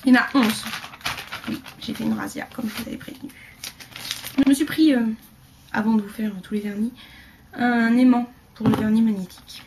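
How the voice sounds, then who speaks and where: A woman chatting casually through a beauty haul video, rambling with fillers and dropping into quiet asides. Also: a little high, steady tone, fairly quick, pauses often, slight background noise. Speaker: beauty vlogger.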